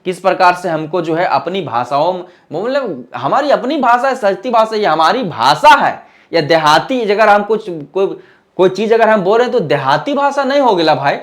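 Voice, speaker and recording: A man teaches an exam-prep class in a fairly high voice. His delivery is conversational, and he often pauses to check that the students are following. He drops into local dialect whenever he gives an example.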